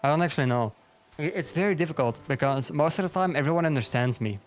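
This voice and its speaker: A young Belgian man, a native Dutch speaker with a strong Flemish accent, rambles casually on a gaming livestream. His voice sits on the high side and is animated and quick. He swears a lot, runs himself down, and keeps restarting his sentences.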